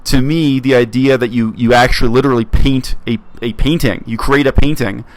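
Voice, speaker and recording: Canadian-raised guy rambling earnestly to his viewers, thoughtful, lots of restarts, mid pitch. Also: fairly even intonation. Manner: earnest, reflective, halting with restarts. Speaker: YouTube commentator. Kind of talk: casual monologue.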